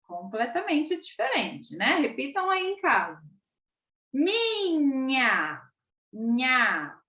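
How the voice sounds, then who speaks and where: A woman's voice: high voice, fairly bright tone. A Brazilian woman teacher giving a patient video lesson for children, checking in with frequent tag questions and sounding out syllables. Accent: Brazilian Portuguese. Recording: echoey room.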